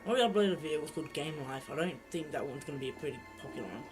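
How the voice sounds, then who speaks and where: A man's voice: fairly high pitch, lively intonation, racing. A young man with a blocked nose giving rambling, self-correcting let's play commentary into a laptop mic. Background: game music.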